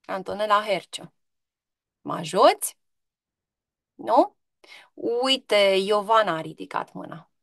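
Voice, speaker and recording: A woman's voice: medium pitch, animated, vocal fry, long pauses, no room sound, studio quality. A woman teacher giving an online grammar lesson to pupils, patient and questioning, stretching out example words.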